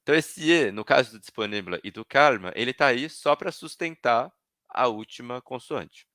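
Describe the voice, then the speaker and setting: Bright-voiced man teaching French online. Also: medium pitch, lively intonation, normal speed, studio quality. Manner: patient, repeats words for students to echo. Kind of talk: live online language lesson.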